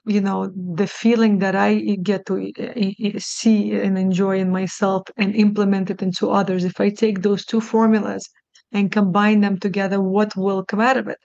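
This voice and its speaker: Here a middle-aged clinic CEO, Russian-born and New York-raised, speaks as a podcast guest in a relaxed interview. Earnest and hesitant, she keeps restarting her sentences in a fry-edged, gravelly voice with little pitch variation. The audio is dry and a bit dull, as though heard over a lo-fi connection.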